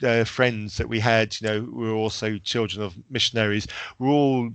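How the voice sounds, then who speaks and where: A man's voice: on the low side, fairly even intonation, normal speed, a bit bright, clean tone, no echo. Frank, emphatic man raised in Zambia. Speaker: podcast guest. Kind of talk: casual podcast discussion.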